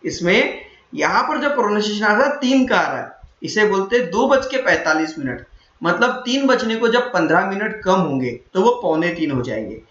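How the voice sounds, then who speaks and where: A man's voice: high-pitched, sing-song, moderate pace, a bit bright. A man teaching a math lesson, patiently repeating each point and quizzing his students as he goes. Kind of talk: explaining a classroom lesson. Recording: roomy, dull lo-fi recording.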